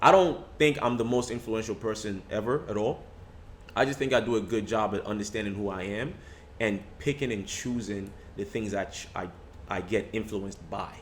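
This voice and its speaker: A young man from a Nigerian family background talks in a fairly low voice at a moderate pace during a casual podcast discussion. He sounds reflective, often restarting his sentences and saying "you know."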